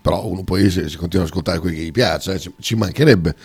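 A man's voice: low-pitched, quick pace, breathy edge. A male radio host in casual, blunt, chatty talk who swears freely.

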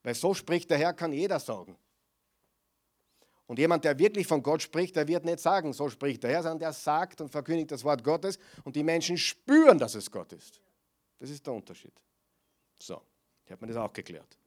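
A man preaching a sermon in a slightly raised voice. He keeps asking his listeners questions. He swings between loud, forceful passages and quieter asides. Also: fairly high pitch, animated, normal speed, long pauses.

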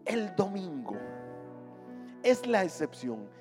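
A man's voice: sits high, very animated, slow pace, pitched above the performer's own voice, full character voice. A man playing a flustered, anxious pastor who pleads in a strained, rising voice, heard with long hall reverb and faint music. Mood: insistent pleading. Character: fretful middle-aged male pastor, anxious, pleading.

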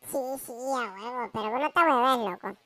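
A woman's voice: on the high side, normal speed, a bit bright, close to an everyday voice. A woman voicing a brash, cocky young male street traveler, swearing and full of slang, in an amateur audio story. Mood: bossy.

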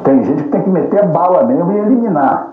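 A man delivers a casual political monologue, combative and ironic and full of curses. His voice sits a little high. The recording is dull and lo-fi in a roomy space, with faint music behind. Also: lively intonation, a little fast. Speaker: political commentator.

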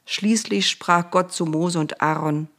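A woman reading a Bible story aloud for children in a calm, plain storytelling manner. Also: fairly low pitch, measured pace.

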